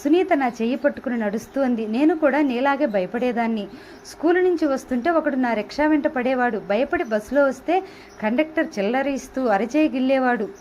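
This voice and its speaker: A woman's voice: high-pitched, fairly quick, darkish tone, slight background noise. A woman narrating a novel, reading in first person and voicing the dialogue expressively. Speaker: audiobook narrator.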